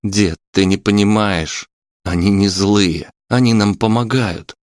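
A man doing a high, shouting young grandson. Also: a little slow, no echo, studio quality, natural voice. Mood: pleading.

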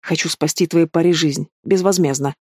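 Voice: medium pitch, fairly even intonation, normal speed, slightly rough, no room sound, studio quality. A reader voicing a cruel, mocking male demon who taunts and threatens in a theatrical tone. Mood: sneering.

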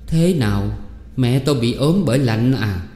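A man's voice: mid-range voice, lively intonation, a little slow, dark tone, lightly acted. A man voicing a mother who questions her son and mildly reproaches him, in a storybook reading. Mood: reproachful. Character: puzzled, gently scolding mother. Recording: reverberant hall with faint music.

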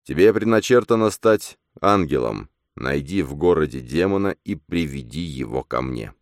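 A man's voice: very deep voice, expressive, normal speed, dry recording, studio quality. A man voicing a sly, scheming sect priest who speaks in a coaxing, unctuous way. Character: sly middle-aged male sect priest, smooth and scheming.

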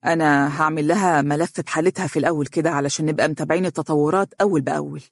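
Reader doing a gentle young male doctor with an Egyptian accent, measured and soothing, dry audiobook sound. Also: mid-range voice, fairly even intonation, no echo, close to an everyday voice. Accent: Egyptian Arabic. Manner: soft, reassuring, measured.

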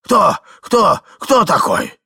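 A man voicing a fussy, frantic elderly husband who shouts in a shrill, flustered way. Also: big pitch swings, takes it slowly, gravelly, breathy edge, dry recording, clean studio sound, full character voice. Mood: alarmed.

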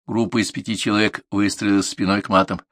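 A man calmly reading a literary story aloud as a narrator, in a measured storytelling manner. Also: on the low side, no echo, clean studio sound. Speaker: audiobook narrator.

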